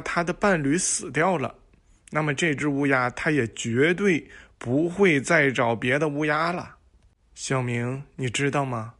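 A man's voice: fairly high pitch, fairly bright tone. A man hosting a joke show, telling corny dad jokes to listeners in a playful, teasing way and acting out the dialogue.

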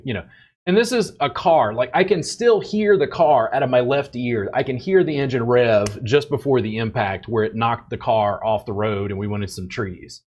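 A man hosting a casual podcast conversation, animated and blunt, swearing and acting out what other people say. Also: mid-range voice. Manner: animated, swears, acts out quoted people in raised voice. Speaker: podcast host and bodywork teacher.

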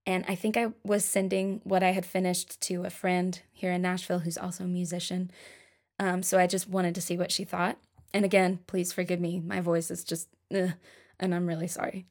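A woman's voice: fairly low pitch, flat delivery, moderate pace, darkish tone. A young woman singer-songwriter talking casually about writing her songs, chatty and self-deprecating.

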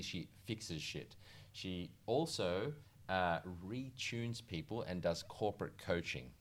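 A man hosting a podcast interview, easygoing and quick with short replies. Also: sits low. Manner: easygoing, lots of short backchannels. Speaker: podcast host.

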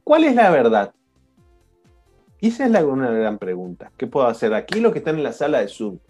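Over a video call, a coaching instructor with an Argentine Spanish accent teaches a live online class, lively and often questioning the group with frequent "¿no?" and "¿sí?". His mid-range voice moves a little fast, with faint music behind him.

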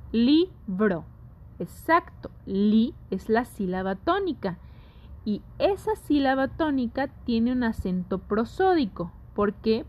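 Slow, deliberate woman teacher. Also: a little high, darkish tone. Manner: slow, deliberate, addresses the audience with questions. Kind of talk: scripted educational lesson.

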